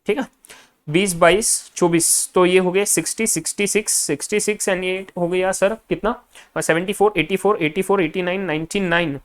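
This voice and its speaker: A man's voice: sits high, steady tone, normal speed. A male finance lecturer in a recorded class, adding up figures aloud half to himself and coaching students directly.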